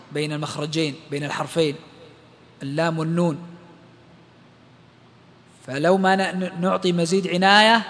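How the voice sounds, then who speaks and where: A man with a very high, bright, forceful voice teaches recitation rules in a calm lesson. He explains each point and then intones the verse examples slowly. The sound carries a long reverb, as if he is in a big hall. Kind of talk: tajweed lesson.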